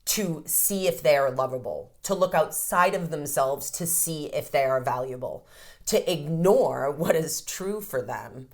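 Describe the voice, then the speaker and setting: Interviewed on a podcast, this fifties-aged counselor, who specializes in codependency and also guides ceremonies, reflects openly and lets the occasional swear word slip. She talks a little slowly, in a low voice with lively intonation.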